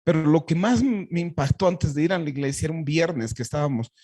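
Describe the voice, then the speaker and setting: A man's voice: a little high, fast talker, a little mellow, no room sound. A Bolivian man with a Bolivian Spanish accent, a pastor telling his personal faith testimony in an earnest, heartfelt way with frequent restarts.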